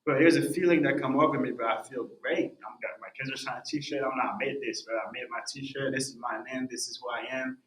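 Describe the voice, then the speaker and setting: A man's voice: medium pitch, fairly quick, few pauses, a crowd in the background. Roomy-sounding man telling his story animatedly. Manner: animated storytelling, says "bro" often. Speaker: music artist guest. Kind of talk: casual podcast interview. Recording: roomy echo.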